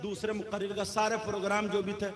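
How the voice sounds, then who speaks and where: A man's voice: sits high, level tone, fast. A man preaching a sermon, speaking directly to the gathering and putting questions to them. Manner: direct, chatty questions to the crowd. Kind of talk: sermon, talking to the audience. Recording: echoey hall with crowd.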